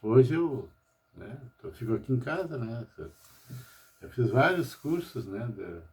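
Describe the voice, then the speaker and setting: An older Brazilian pharmacist rambles through a personal monologue about his life at home, tagging nearly every phrase with "né?". His mid-range voice is expressive and measured in pace.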